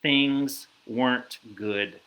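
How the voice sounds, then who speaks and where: A man reading a children's picture book aloud, with animated storytelling and asides to a listener. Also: mid-range voice, drawn-out words, echoey room, low-quality recording.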